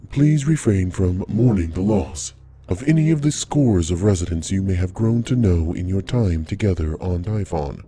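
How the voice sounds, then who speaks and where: A man voicing a calm, formal male station AI, with a deep metallic robot sound and a measured, clinical, overly formal way of talking.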